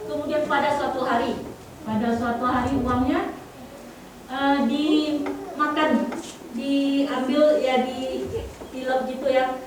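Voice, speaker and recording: High-voiced woman preaching in echoey hall. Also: recorded from a distance, background noise. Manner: lively storytelling, acts out quoted voices. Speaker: preacher giving testimony. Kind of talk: sermon testimony. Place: church hall.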